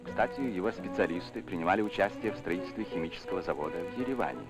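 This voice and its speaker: A man's voice: deep voice, lively intonation, fast talker. A man narrating a 1960s newsreel with a formal, declamatory announcer delivery, old newsreel sound. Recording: narration over loud music.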